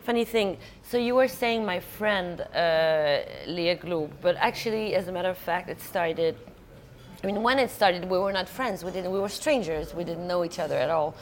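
A woman who grew up in Denmark, a painter chatting as an interview guest over lunch, lively with frequent laughs and restarts. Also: fairly low pitch, normal speed. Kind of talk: casual interview chat.

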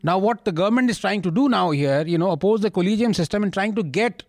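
A man's voice: high-pitched, animated, fast talker, dry recording, studio quality. A man arguing emphatically in a panel discussion, repeating points and giving spoken examples.

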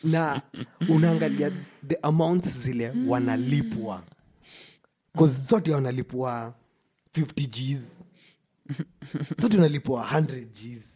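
A man with a husky voice and a Kenyan accent talks casually and emphatically, mixing English with Swahili slang and often restarting and repeating himself. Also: mid-range voice, takes it slowly, long pauses, dark tone. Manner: emphatic, stop-start delivery with repetition. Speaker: podcast co-host.

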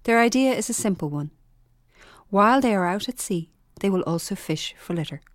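A woman's voice: mid-range voice, expressive, moderate pace, no echo, studio quality. A woman presenting scripted documentary narration in an earnest, emphatic manner.

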